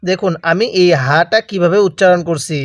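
A man's voice: high voice, normal speed, dry recording, clean studio sound. A man teaching Quran reading with a Bangladeshi Bengali accent, patiently drilling letter sounds syllable by syllable for listeners to repeat after him. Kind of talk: slow call-and-repeat recitation lesson.

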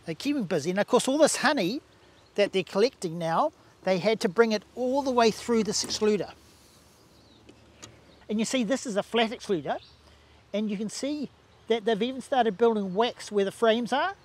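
His voice sits high, the pace is moderate, and he leaves long pauses. A New Zealand-accented bee scientist in his sixties, he's explaining hive equipment outdoors beside beehives in a garden, restarting and gesturing during the demonstration.

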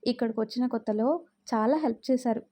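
A woman reading a gentle young mother. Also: on the high side, fairly even intonation, quick pace, natural voice. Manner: polite, soft-spoken.

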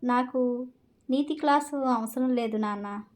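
Cold proud young businessman, read by a woman, clipped icy delivery, a bit high. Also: measured pace, darkish tone, close to an everyday voice.

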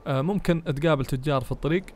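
Excitable gamer, fast talk. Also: male voice, fairly high pitch, slight background noise. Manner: excitable, cursing at enemies, cheering allies. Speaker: gaming YouTuber. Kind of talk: let's-play commentary. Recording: music playing behind.

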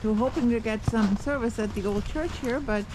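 A woman's voice: on the high side, brisk. A young woman talking casually to camera as a sailing vlogger, marvelling and laughing often. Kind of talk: casual vlog narration to camera. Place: sailboat deck in snow, then boat cabin. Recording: wind and water noise outdoors.

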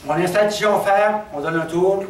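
A Québécois man tells an old folk tale with animated, dramatic delivery. His voice sits slightly high and sounds roomy, picked up from a distance with faint background noise. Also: brisk. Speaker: storyteller. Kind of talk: oral folk-tale telling.

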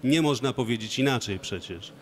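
Measured man giving formal panel remarks. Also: medium pitch, expressive. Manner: measured, formal, frequent hesitations. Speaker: minister on panel. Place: large conference stage. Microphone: handheld mic.

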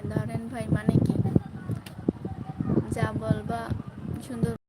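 A young woman livestreaming, chatting with viewers and reading their comments in a soft, hushed voice. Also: a little high, completely flat delivery, slow pace. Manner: soft, hushed talk, kept quiet on purpose. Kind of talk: casual live-stream chat reading comments. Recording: loud background noise.

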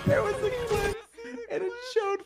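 A man with a fairly high voice trades jokes with friends on a stream. His talk is loose and teasing. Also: fairly even intonation, a little slow, loud music behind the voice. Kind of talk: casual banter.

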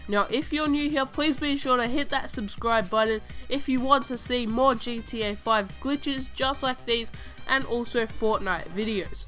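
Her voice is fairly high and a bit bright, slightly slow, with faint music behind it. Sick and stuffy-nosed, the young gaming-channel host narrates gameplay footage from home, chatting through a tutorial and going over each step repeatedly.

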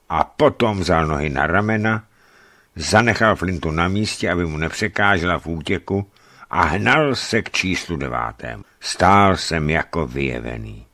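A man narrating a memoir aloud, telling it in a lively storytelling manner. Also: low voice, dry recording.

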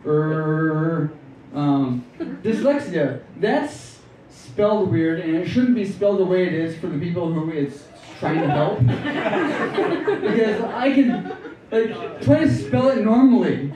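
A man doing an open-mic stand-up set on a club stage, talking in a halting, rambling way with many restarts. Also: fairly high pitch, animated. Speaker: stand-up comedian. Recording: distant, echoey club with loud crowd. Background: audience laughter.

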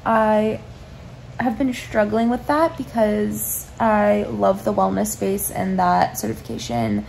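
Holding her phone camera at arm's length, a woman in her twenties talks from bed about her life in a soft-spoken, reflective, meandering way. Her medium-pitched voice is creaky with lively intonation and an unhurried pace; the confessional vlog has poor audio with a little hiss or hum.

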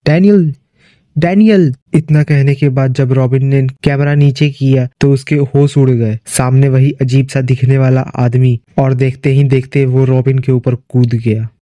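A man hosting his channel and reading a horror story in a steady, scripted narration. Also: medium pitch, a little slow, hardly any pauses, dry recording.

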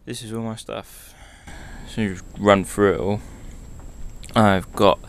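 Young man, low pitch, hungover, casual vlog chat, offhand, faint rumbling noise on a helmet-cam mic. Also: fairly even intonation, measured pace, gravelly. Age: young adult. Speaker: motorcycle vlogger. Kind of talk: casual vlog, showing his kit. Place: small bedroom indoors.

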